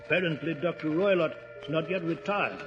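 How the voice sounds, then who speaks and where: An actor playing a loyal, earnest British gentleman doctor and storyteller in a 1940s radio drama. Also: fairly high pitch, brisk, music in the background, natural voice. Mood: tense, watchful. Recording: reverberant, dull old radio recording.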